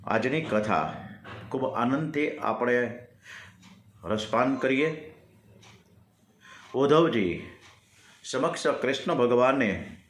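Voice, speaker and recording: A man narrating devotional scripture stories in a measured, reverent way, chanting the opening invocations. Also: mid-range voice, fairly bright tone. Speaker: devotional storyteller. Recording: roomy echo.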